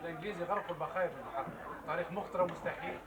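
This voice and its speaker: An actor playing a stubborn boatman who keeps refusing in insistent, rapid bursts. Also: fairly high pitch, heavy background noise, lightly acted.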